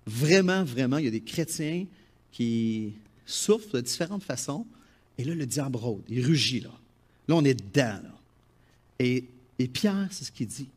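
Quebec French preacher, middle-aged man, mid-pitched voice, animated sermon delivery, loud bursts and soft asides. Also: a little slow. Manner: animated, swings from loud emphasis to quiet asides. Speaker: pastor.

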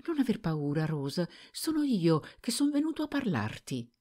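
A woman's voice: on the low side, very animated, normal speed, warm tone. A woman voicing a stubborn, angry farm master who presses his servant girl with insistent questions, in an audiobook reading. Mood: angry, badgering. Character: gruff, stubborn, angry farm master, a middle-aged man.

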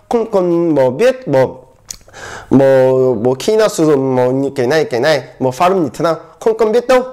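A man's voice: on the high side, darkish tone. A man with a Korean accent teaching a casual online language lesson, repeating phrases for learners to copy and using lots of fillers.

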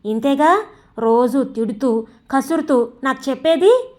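A woman's voice: high-pitched, expressive, a little slow, darkish tone. A woman voicing a stubborn, resentful teenage son who talks back sarcastically in a storybook reading. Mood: defiant. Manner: sulky, defiant, sarcastic.

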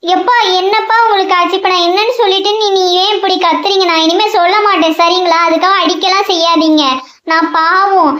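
A woman voicing a very high-pitched cartoon schoolboy. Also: fairly even intonation, brisk, fairly bright tone. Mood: hurt. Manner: pleading and hurt. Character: earnest young schoolboy son, eager to help. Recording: dull, echoey lo-fi sound.

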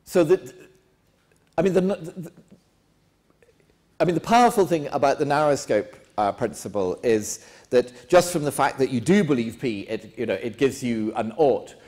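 Older man lecturing, mellow voice. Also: medium pitch, lively intonation, moderate pace. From England. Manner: hesitant, many restarts and fillers. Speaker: philosophy lecturer. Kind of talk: academic Q&A answer. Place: large lecture room.

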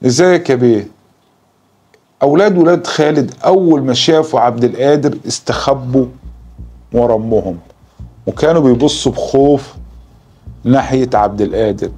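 Man, Egyptian Arabic accent, horror story narration, warm dark voice, mid pitch, faint music behind. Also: husky. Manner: slow, dramatic storytelling.

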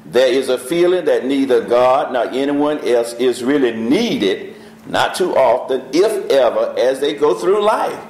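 Leading a church Bible study, a man with a drawl and a medium-pitched voice rises and falls in lively swings. He reads scripture slowly and tosses questions to the class, his voice ringing through an echoey church room.

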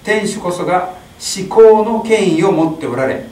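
A middle-aged man reading a translation of a sermon aloud in a small chapel, steady with small slips. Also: high-pitched, measured pace. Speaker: interpreter at a Mass. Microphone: stand mic. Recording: echoey chapel, distant mic.

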